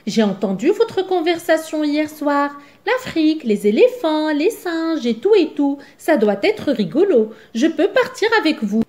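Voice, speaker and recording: A woman's voice: high-pitched, sing-song, unhurried, hardly any pauses, darkish tone, voice pushed up. A woman voicing a chatty, eager young female frog in a children's story, chirpy in tone. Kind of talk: storybook character voice.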